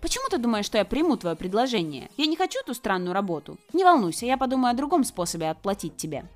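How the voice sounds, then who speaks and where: A woman voicing a defiant, sharp-tongued young woman who talks in an indignant, sarcastic way. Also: a little high, sing-song, fast talker, soft background music.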